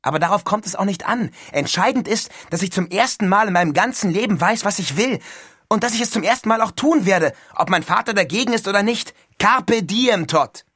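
A man reading an audiobook and voicing an impulsive, enthusiastic teenage boy, speaking loudly and emphatically in a husky voice. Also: sits high, lively intonation, fairly quick, no echo, clean studio sound, voice pushed up, exaggerated voice. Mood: excited. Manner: loud and emphatic, swept up in enthusiasm. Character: eager excited teenage boy, impulsive dreamer.

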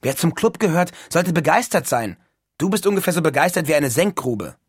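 A man reading an audiobook and voicing an impulsive, enthusiastic teenage boy, speaking loudly and emphatically in a husky voice. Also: on the high side, big pitch swings, brisk, no room sound, studio quality, voice pushed up. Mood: insistent. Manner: loud and emphatic, swept up in enthusiasm. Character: eager excited teenage boy, impulsive dreamer.

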